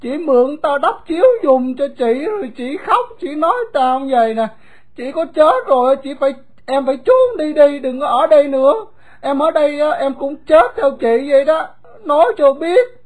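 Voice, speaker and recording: A woman with a Southern Vietnamese accent voicing a bitter, grieving young runaway boy who talks loud, high and blunt. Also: lively intonation, normal speed.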